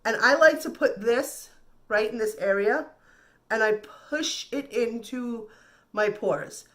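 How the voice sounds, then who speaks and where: Talking slowly in a higher-pitched, slightly nasal voice, a woman recovering from the flu runs a makeup tutorial as a beauty vlogger. Her manner is chatty and reassuring, and she repeats words.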